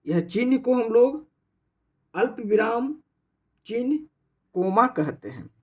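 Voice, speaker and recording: A teacher with a mid-range, slightly mellow voice works through a grammar lesson slowly and expressively, one step at a time. He keeps throwing in a rhetorical "what is it" and restarts a few sentences now and then.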